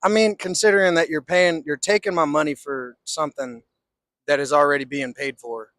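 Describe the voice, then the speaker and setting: Man, Southern US accent, casual street interview, slightly high voice, folksy, hesitant, little echo. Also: fairly even intonation, moderate pace, a bit bright. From Texas, US. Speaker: interviewee, construction laborer.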